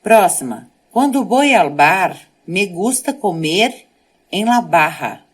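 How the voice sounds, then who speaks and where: A woman's voice: lowish voice, expressive, takes it slowly, husky. A woman teaching a Spanish lesson, speaking Portuguese as her first language, who reads sentences aloud and then translates and explains them.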